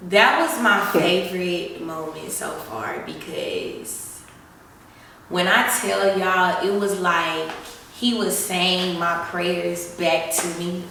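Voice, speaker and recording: Sitting next to her partner, a woman in her twenties answers follower questions in a chatty, giggly way, using "y'all." Her voice sits on the low side, sing-song and slow, with a pushed, bright quality. The distant mic catches an echoey room and slight background noise.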